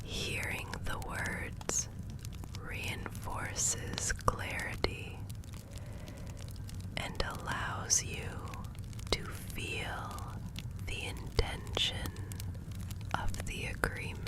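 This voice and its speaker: In an ASMR fantasy roleplay, a woman plays a serene, gentle magical law consultant, speaking softly in careful, measured, soothing phrases with a calm manner.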